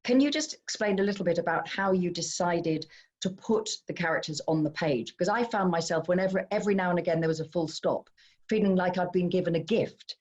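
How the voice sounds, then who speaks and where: Brisk and fairly low-pitched, with a darkish tone, this British English speaker hosts a literary event held live online by video call. She guides the author discussion warmly, sounding effusive as she welcomes everyone.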